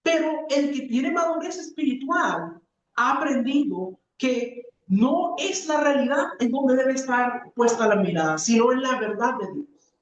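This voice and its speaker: A woman preacher giving an earnest teaching sermon, often pausing on rhetorical questions. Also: high voice, darkish tone, a little hiss or hum. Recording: echoey, distant, dull room recording.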